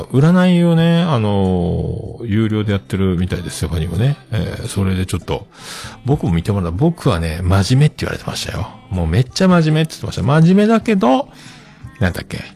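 A man's voice: on the low side, vocal fry, darkish tone, husky. A man hosting a show, chatting casually on his own in a rambling, self-joking way. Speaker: host. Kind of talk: casual solo chat.

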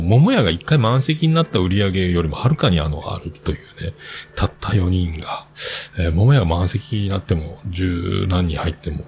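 Man, lowish voice, very animated pitch, rambling solo talk, lots of fillers. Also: creaky, slight background noise. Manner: rambling, chatty, many fillers. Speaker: talk show host.

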